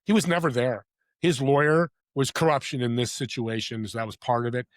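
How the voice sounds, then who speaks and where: A man, a podcast guest who also hosts a podcast, telling motivational stories in an animated, heartfelt way that drops from loud emphasis to hushed quiet. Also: mid-range voice, fairly quick, no echo, studio quality. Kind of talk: earnest motivational storytelling.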